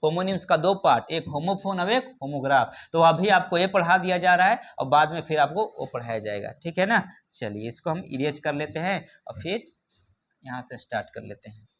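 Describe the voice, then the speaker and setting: A man with a high voice teaches a classroom vocabulary lesson. He keeps stopping to ask his learners questions and to check that they follow along. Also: lively intonation, brisk, fairly bright tone. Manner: repeats "ठीक है ना" and asks rhetorical questions; addresses learners familiarly. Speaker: English teacher.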